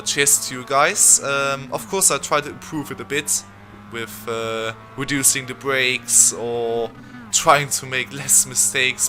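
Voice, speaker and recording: A young man with a very bright, forceful voice, not a native English speaker, commentates on his racing game in a quick, rambling way full of fillers. Soft game music runs behind him. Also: mid-range voice. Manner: fast, rambling, chatty with many fillers. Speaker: sim racing channel host.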